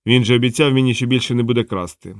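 A man's voice: mid-range voice, racing, dry recording, clean studio sound, lightly acted. A man doing an earnest good-hearted watchman. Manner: patient, sincere, explaining. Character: earnest kind male city watchman.

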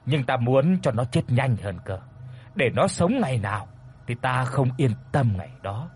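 A man's voice: medium pitch, big pitch swings, normal speed, a little mellow, slight background noise, lightly acted. A man voicing a sinister, scheming older official who plots a death, in a ghost story.

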